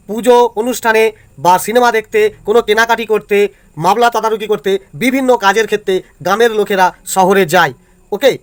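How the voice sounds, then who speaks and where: A male teacher explains exam answers to students step by step and keeps checking that they follow. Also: high-pitched. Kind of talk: exam answer walkthrough lesson.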